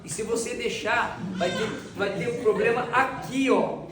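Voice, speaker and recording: A man's voice: extremely high pitch, moderate pace, noisy background. Pastor guy, middle-aged, chatty and joking, kinda far off in an echoey room w/ people around. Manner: joking, direct, addresses audience as "gente". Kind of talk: casual church talk with anecdotes. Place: church hall with audience. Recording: roomy hall, far mic, audience audible.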